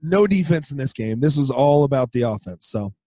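A hoarse man who has partly lost his voice, hosting a casual solo sports podcast in a halting way, often clearing his throat. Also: mid-range voice, lively intonation, warm tone, no echo. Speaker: podcast host.

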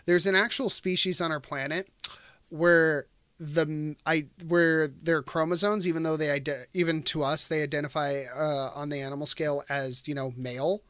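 A speaker chatting casually as a podcast co-host, excitable and quick to swear. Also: mid-range voice, clear, resonant tone, no room sound. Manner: excitable, laughs often, swears freely. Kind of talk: casual chat.

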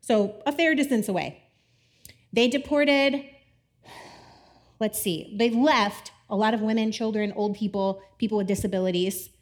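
A woman's voice: medium pitch, a little slow, pauses often. A woman in her thirties giving a casual, playful sermon with laughing asides and a scripture reading. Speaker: pastor.

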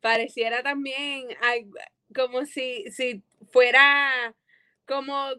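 A woman with a high voice chats casually as a podcast guest. She is playful and often leaves her sentences unfinished. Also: flat delivery, takes it slowly, bright, forceful tone, clear, resonant tone. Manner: playful, laughs, trails off mid-sentence. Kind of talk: casual conversation.

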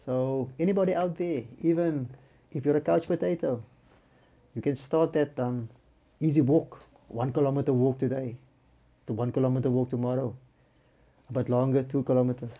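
A man's voice: mid-range voice, steady tone, moderate pace, warm tone. A man with a South African accent chatting casually as an interview guest, often rounding off statements with a "yeah". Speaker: podcast guest, amateur runner.

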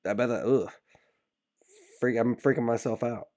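A man co-hosting a podcast, telling stories in an animated, joking way in a casual chat. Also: medium pitch, moderate pace. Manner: animated storytelling with laughs. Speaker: podcast co-host.

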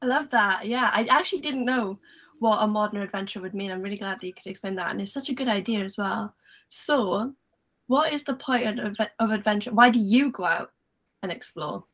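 A woman's voice: mid-range voice, a little fast, fairly bright tone. A young woman with a Welsh accent hosting a podcast over a call, chatty and upbeat, full of fillers. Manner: chatty, upbeat, giggly, lots of "like". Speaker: podcast host. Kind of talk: casual podcast chat. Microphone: remote call.

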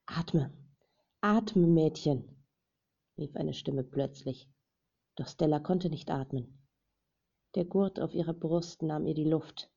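Low husky woman narrating an audiobook. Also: dark tone. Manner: dramatic, measured reading. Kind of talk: scripted narration. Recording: dull lo-fi recording.

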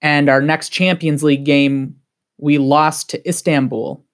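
A man with a Wisconsin accent, a guest on a casual podcast, talking in an excited, heated, rambling way. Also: on the high side, measured pace.

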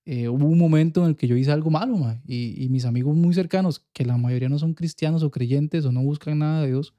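This young Costa Rican-accented man co-hosts a casual faith podcast, speaking earnestly and often asking "you get me?" to make sure the listener follows. His voice sits on the high side and is mellow with the highs cut off, and he talks a little fast.

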